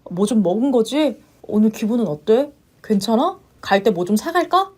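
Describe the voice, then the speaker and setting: A woman's voice: a little high, big pitch swings, warm tone. A woman as a polite, long-suffering young wife. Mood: caring. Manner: polite and measured, firm when pushed. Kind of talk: story narration with voiced roles.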